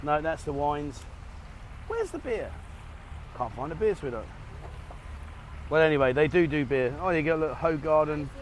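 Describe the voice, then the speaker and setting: A man's voice: a little high, steady tone, a little fast, slight background noise. A middle-aged man, chatting to camera as a travel vlogger at a cafe, rambling and laughing at his own slips. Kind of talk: casual vlog chat to camera. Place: cafe in Thailand, partly outdoors.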